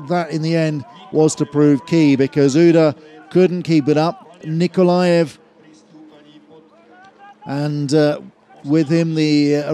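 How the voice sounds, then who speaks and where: A man commentating on a cross-country ski race, measured and full of fillers, rising in energy near the finish. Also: a little high, dark tone. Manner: measured, hesitant with frequent fillers, builds at the finish. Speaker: sports commentator.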